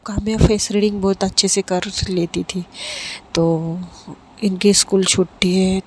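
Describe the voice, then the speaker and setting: A woman's voice: mid-range voice, rough recording. A woman casually telling a serialized love story, lightly voicing the characters in her own voice, with frequent fillers and restarts. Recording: steady background noise.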